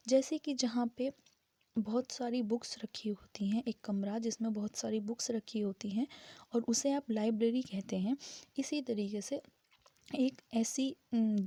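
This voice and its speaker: Woman teacher, casual lesson, husky, mellow, higher voice, dry close sound, breaks words into syllables. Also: dry recording. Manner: explains step by step, spells out syllables slowly. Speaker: English grammar teacher.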